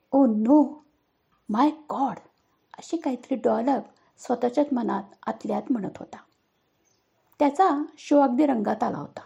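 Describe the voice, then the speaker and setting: A woman narrates a story with a dramatic, expressive delivery. Her voice sits fairly high, gravelly and husky, with a mellow tone. The recording is slightly dull.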